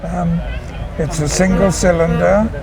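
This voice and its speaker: An older Englishman, a classic car club member, gives a casual outdoor interview, explaining things hesitantly and with understatement. His voice is high-pitched and steady, a little slow. Crowd noise from the event carries behind him.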